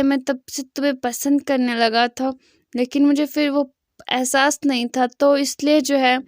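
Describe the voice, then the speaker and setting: Woman reading a shy young boss guy, earnest, halting, high voice. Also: no echo, clean studio sound, natural voice. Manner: hesitant, earnest. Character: nervous young male boss confessing love.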